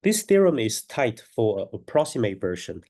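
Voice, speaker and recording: A man with a stuffy nose from a cold lectures through a mathematical proof step by step, halting and deliberate. His voice is lowish with a darkish tone, yet he is very animated.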